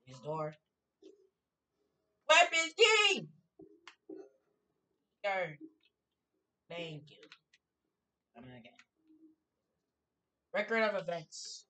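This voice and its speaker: A woman narrating her own horror game playthrough, with a bright, sharp tone. She reads documents aloud haltingly, then jumps to loud startled cries. Her voice sits a little away from the mic. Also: deep voice, animated, distant mic, low-quality recording. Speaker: gaming streamer. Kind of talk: let's play commentary.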